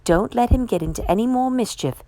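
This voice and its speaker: A woman voicing an excitable, caring man from a children's storybook in an earnest, emphatic way. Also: on the high side, a little fast, no echo, voice pushed up, close to an everyday voice. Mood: earnest concern. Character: excitable, caring man in a big yellow hat.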